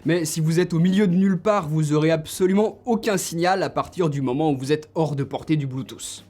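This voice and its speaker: A young tech reviewer talks straight to camera, recommending tech gifts to his viewers in an informal, enthusiastic, direct way. His voice is a little high and warm, and he speaks fairly quickly. Faint music plays behind him.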